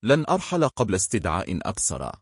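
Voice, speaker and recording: A desperate young husband in a storybook horror tale, voiced by a man, pleading and defiant by turns. The voice is low and husky, with lively swings in pitch. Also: fast, no room sound, studio quality, heavily acted.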